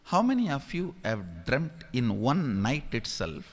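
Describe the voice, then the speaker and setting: A man's voice: medium pitch, wildly swooping pitch, a little slow. A male spiritual teacher giving a discourse to an audience. He keeps telling listeners to listen and asks them questions. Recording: long hall reverb.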